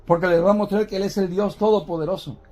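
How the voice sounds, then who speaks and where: A man's voice: high-pitched, steady tone, quick pace, darkish tone. A man preaching a sermon in a church, asking the congregation questions and calling them brothers, often repeating and restarting words as he teaches.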